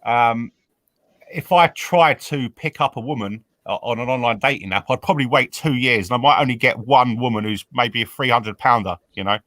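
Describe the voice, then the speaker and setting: A man from England in a casual group chat, pausing and repeating words as he thinks aloud over a remote call. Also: mid-range voice, bright, forceful tone, dry recording.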